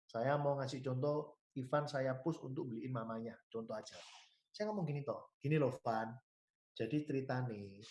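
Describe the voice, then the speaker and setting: A man's voice: a little high, darkish tone. A man with a Javanese accent giving an emphatic sales training talk to insurance agents. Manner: emphatic, coaching, mixes in Javanese and English words. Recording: roomy echo.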